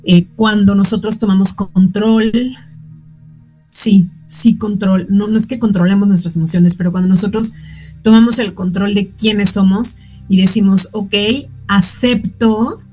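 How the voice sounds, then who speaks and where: A woman's voice: mid-range voice, steady tone, normal speed, dark tone, soft background music, poor audio. A woman with a Mexican Spanish accent hosting a radio talk show on parenting, speaking conversationally with frequent fillers and repeated words. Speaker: radio show host giving parenting advice. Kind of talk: casual talk on emotions.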